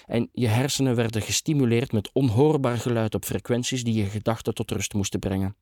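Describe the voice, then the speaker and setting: A man's voice: mid-range voice, fairly even intonation, a little fast, darkish tone, dry recording, studio quality. A middle-aged man narrating a first-person novel in a dramatic, sardonic tone.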